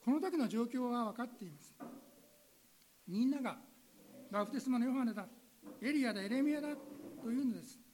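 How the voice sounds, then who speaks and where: A woman's voice: on the high side, lively intonation, brisk, long pauses, mellow, a little hiss or hum, rough recording. A woman pastor giving an earnest sermon that asks her listeners direct questions, then leading a spoken prayer.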